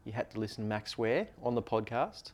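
A man's voice: fairly low pitch, lively intonation, fairly quick. A man co-hosting a podcast, explaining things in a loose, rambling, casual way. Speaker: podcast co-host.

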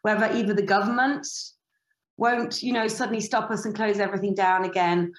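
A woman talking about staging a play, her voice pitched in the middle of the female range. She rambles, circling back with fillers and restarts, and the room around her rings with echo. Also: steady tone, fairly quick. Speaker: theatre producer and director. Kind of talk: casual interview chat. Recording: echoey room.

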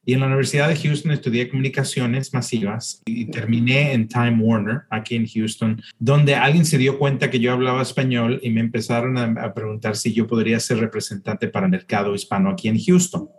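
A man's voice: medium pitch, fairly even intonation, a little fast, hardly any pauses. A middle-aged man from Chile, a podcast guest telling his story in a chatty way, often restarting and repeating words. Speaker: podcast guest, city tourism promoter. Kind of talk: casual interview.

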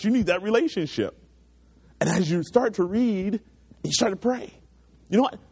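Earnest young man preaching to a youth group. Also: darkish tone. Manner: earnest, emphatic preaching with rising pitch on key points. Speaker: youth pastor. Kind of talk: sermon.

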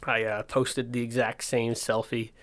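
A man's voice: mid-range voice, flat delivery, unhurried. A man talks into his podcast in a loose, informal way. His missing front teeth give his speech a slight lisp. He rambles candidly and often cuts himself off to rephrase. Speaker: podcast host and skate park owner. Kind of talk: casual solo podcast talk.

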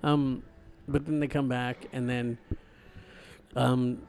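A man's voice: mid-range voice, level tone, takes it slowly, gravelly, a little mellow, clear, resonant tone. A man co-hosting a casual movie chat in a blunt, sweary, slangy way.

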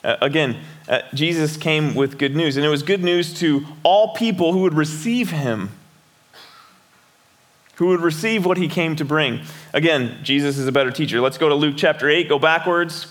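Conversational preaching man, slightly high. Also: normal speed, fairly bright tone. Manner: conversational preaching with repeated words and rhetorical questions. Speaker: pastor. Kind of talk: sermon.

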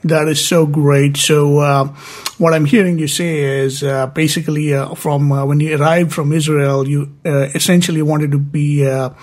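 A man's voice: a little high, little pitch movement, moderate pace, a little mellow. A man hosting an interview podcast, enthusiastic and filler-heavy as he sums up his guest's answers. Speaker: podcast host.

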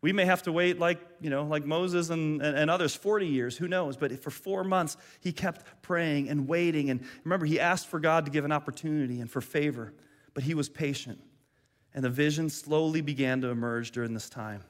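A middle-aged male pastor preaching a sermon earnestly, swinging between fervent emphasis and soft, reflective moments. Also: a little high, fairly quick.

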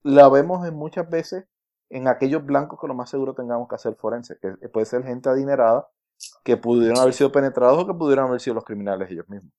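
A man's voice: medium pitch, quick pace, mellow. A man co-hosting a casual podcast over a call, explaining earnestly with stammering starts.

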